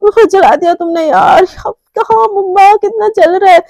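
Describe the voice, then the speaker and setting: A woman's voice: very high voice, fast talker, a little mellow, dry recording. A woman voicing a sleepy, hot-tempered young office worker who complains indignantly. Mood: angry.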